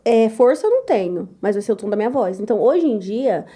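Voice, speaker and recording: A young woman chef telling her story in an interview, lively and loud, acting out the voices of others. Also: mid-range voice, quick pace. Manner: lively, acts out quoted voices, repeats "tal, tal"; says she talks loud and gruff. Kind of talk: animated personal storytelling.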